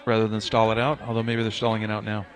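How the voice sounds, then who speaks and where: A man calling a match live as a commentator, measured and jovial with frequent ums and restarts. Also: on the low side, monotone, a crowd in the background. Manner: measured, hesitant with fillers, jovial. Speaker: play-by-play commentator and coach.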